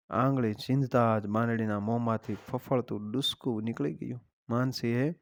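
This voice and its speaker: A male storyteller tells a heroic folk legend in a dramatic, declamatory way. His voice sits in a middle pitch. The recording is dry and close, with no room sound. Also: no room sound. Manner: declamatory, recites verse. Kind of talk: dramatic folk-tale narration.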